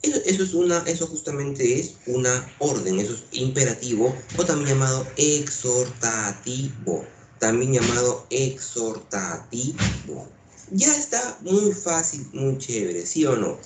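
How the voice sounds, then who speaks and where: A man's voice: medium pitch, big pitch swings, unhurried, a little mellow, a little hiss or hum. A man teaching a language class, repeating each point and asking rhetorical questions. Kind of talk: lively classroom lecture. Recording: echoey room.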